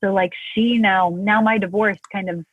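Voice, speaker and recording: A woman speaking as a podcast guest in casual conversation, reflective and slowing down to stress key words. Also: mid-range voice, fairly even intonation. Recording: dry, phone-like remote line.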